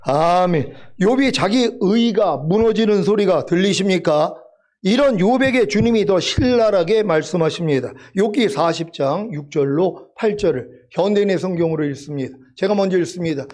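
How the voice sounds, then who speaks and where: A man with a notably high voice delivers a sermon. He drives his points home with repeated rhetorical questions and leads the congregation through responsive scripture reading. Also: animated, moderate pace, darkish tone. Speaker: pastor.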